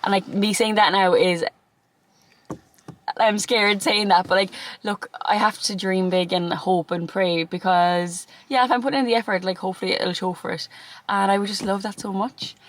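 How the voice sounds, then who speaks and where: A woman's voice: mid-range voice, fairly even intonation, normal speed, low-quality recording. A young Irish woman in her twenties chatting casually on her own channel, bubbly and rambling with lots of fillers. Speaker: YouTuber. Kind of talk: casual chat.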